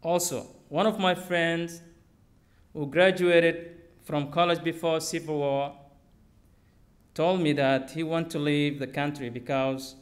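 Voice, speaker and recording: A young man from Somalia, reading a personal story aloud from notes at a lectern on a theater stage, into a podium microphone, with simple, steady phrasing. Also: fairly high pitch. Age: young adult.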